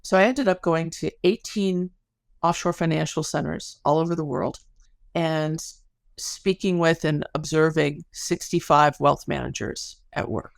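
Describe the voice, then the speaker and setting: A woman with a deep, strongly creaky voice speaks a little slowly as an interview guest. She describes her research the way a storyteller would, dropping in casual asides and vivid turns of phrase. The recording is dry, with no echo or room sound.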